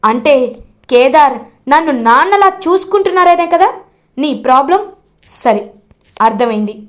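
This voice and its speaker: A woman's voice: high voice, animated, moderate pace. A woman voicing a stern, angry middle-aged father who scolds in a raised voice.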